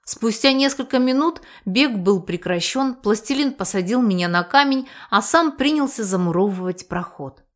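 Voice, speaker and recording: A woman narrating a first-person audiobook in a lively, wry, conversational way. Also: a little high, normal speed.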